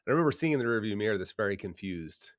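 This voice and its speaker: A man's voice: on the low side, animated, very fast. A man hosting a podcast interview, speaking thoughtfully and often restarting his sentences as he tells a story. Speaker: podcast host. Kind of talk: conversational interview.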